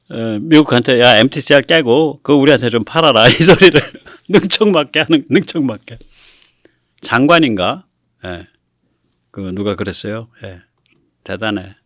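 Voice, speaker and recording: A man's voice: medium pitch, no echo, studio quality. A man hosting a casual commentary show, talking in a folksy way and acting out quotes. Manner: lively, folksy, chuckles and acts out quotes. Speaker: host. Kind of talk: casual commentary on military affairs.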